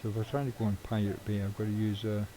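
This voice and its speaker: Middle-aged streamer, mellow tone, rambling and offhand, swears casually. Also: male voice, lowish voice, flat delivery, quick pace, low-quality recording. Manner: rambling, swears casually, chuckles at own jokes. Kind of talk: casual live-stream chat while gaming.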